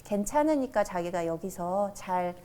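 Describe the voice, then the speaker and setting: A woman's voice: medium pitch, expressive, measured pace, dark tone. A middle-aged woman telling a personal story in conversation as a guest, acting out the quoted dialogue vividly. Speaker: church talk show guest.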